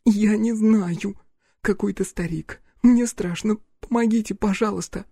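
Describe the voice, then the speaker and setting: A man's voice: moderate pace, vocal fry, mellow, slightly rough, no echo, exaggerated voice. A man doing a terrified, tearful young woman. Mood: terrified pleading. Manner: high, tremulous, pleading.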